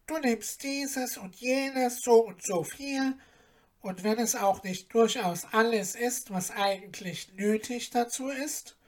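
Mimi, a gentle goose, as a woman puts her on. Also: on the high side, takes it slowly, voice pushed up. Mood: soothing. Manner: soothing, calm and knowing. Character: gentle, kindly enchanted female goose. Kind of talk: storybook reading.

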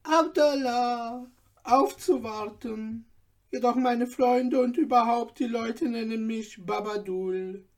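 A man voicing an old male tailor, greedy and excitable, with a strained, pitched-up old voice. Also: takes it slowly, exaggerated voice. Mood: polite. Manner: excitable, haggling.

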